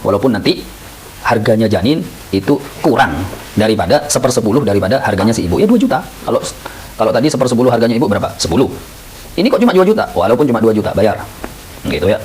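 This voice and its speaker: A man teaching a lively lesson on Islamic law, who acts out little scenes in raised voices. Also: on the low side, fast, slight background noise, poor audio. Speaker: Islamic boarding school teacher.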